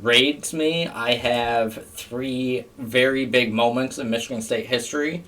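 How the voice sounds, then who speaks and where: A man's voice: mid-range voice, steady tone, unhurried, fairly bright tone, far from the mic. A young man hosting a casual sports podcast, chatty and self-mocking. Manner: chatty, laughs at himself, imitates a play-by-play call. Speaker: podcast host and streamer.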